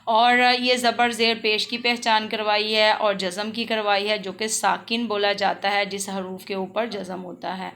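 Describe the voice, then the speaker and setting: A woman's voice: medium pitch, flat delivery, hardly any pauses, fairly bright tone. A woman with a Pakistani Urdu accent teaching a Quran reading lesson, patiently spelling out and repeating each syllable for learners to follow. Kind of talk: slow spelled-out recitation lesson.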